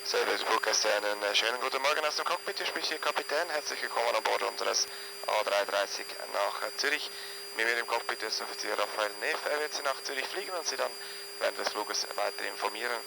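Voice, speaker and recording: A male airline captain makes a formal cabin announcement to passengers from the cockpit, with a gravelly edge to his voice. He speaks into a headset mic with small hesitations in an otherwise measured delivery. A loud, constant engine hum fills the background. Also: on the low side. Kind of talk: cabin announcement over the intercom. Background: constant aircraft engine and cockpit noise.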